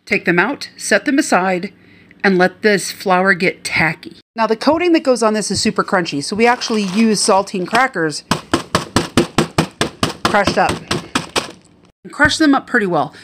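In her kitchen, with the phone held close, a middle-aged retired chef from the Midwest chats her way through a home cooking video. Her mid-range voice moves at normal speed but pauses often, and there's noisy background sound. Her manner is chatty, animated and instructive.

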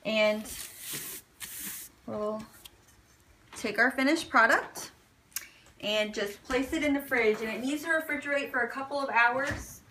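A woman's voice: fairly high pitch, unhurried, long pauses, bright, forceful tone, a little hiss or hum, rough recording. A woman hosting a casual cooking demonstration, walking through each step in an easygoing, chatty way. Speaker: cooking video host.

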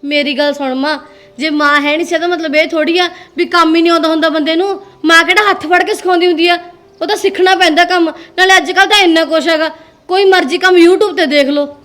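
An actress playing a resentful young daughter-in-law who argues and complains. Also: female voice, extremely high pitch, fairly even intonation, fast, a bit bright, faint music behind. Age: young adult. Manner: complaining, argumentative.

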